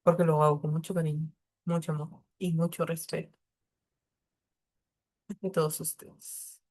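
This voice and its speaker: A man's voice: fairly high pitch, little pitch movement, unhurried, darkish tone. Man teaching a beginner English lesson. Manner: patient, explains step by step.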